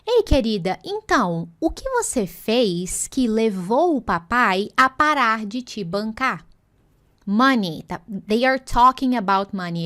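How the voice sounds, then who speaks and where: A woman teaching an online English lesson, lively, slowing down for clear English examples. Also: a little high. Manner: lively, switches between Portuguese and slow, spelled-out English examples.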